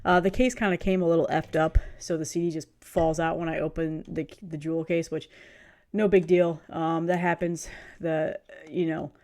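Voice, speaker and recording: Sniffly with a cold, a woman in her thirties chats casually in a video review of music, enthusiastic, rambling a bit, and laughing often. Her voice is deep and darkish in tone, her delivery flat, her speed normal.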